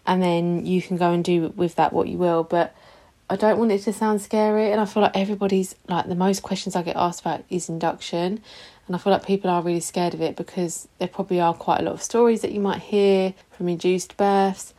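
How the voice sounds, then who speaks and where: A woman's voice: fairly low pitch, fairly even intonation, fairly quick, warm tone. Chatty, cheeky British woman podcaster. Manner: chatty, confessional and self-mocking, with frequent giggling; cheeky, sweary, informal. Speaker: podcast host. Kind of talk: casual solo podcast chat.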